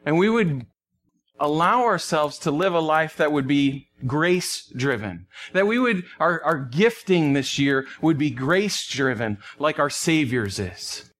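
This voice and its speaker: A man's voice: on the high side, lively intonation, a little slow, a bit bright. A man speaking as a pastor, earnest and conversational, repeating phrases for emphasis as he preaches or prays. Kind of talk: sermon and closing prayer.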